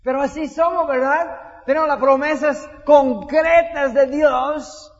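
A man preaching a sermon as pastor, animated, acting out little dialogues with shifting voices. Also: extremely high pitch, unhurried. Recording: dull sound in a reverberant hall.

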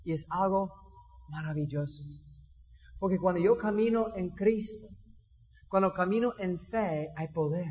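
Pastor, male, high voice, lively sermon delivery, dull recording in a hall with long reverb. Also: a little slow, long pauses. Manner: animated, acts out dialogues with shifting voices.

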